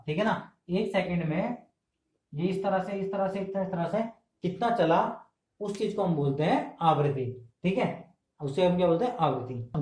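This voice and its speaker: A man's voice: sits high, a little mellow. A man teaching an exam-prep class, asking questions and answering them himself while he repeats key terms, recorded on a camera mic in a room. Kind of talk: classroom lecture. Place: indoor room filmed on camera. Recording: echoey room.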